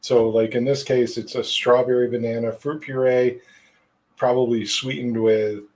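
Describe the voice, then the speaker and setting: A man's voice: mid-range voice, flat delivery, normal speed, a little mellow, rough recording. Guy hosting a podcast, rambly, lots of ums, swears a bunch. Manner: rambling, swears freely, many fillers. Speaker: podcast host. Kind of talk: casual chat.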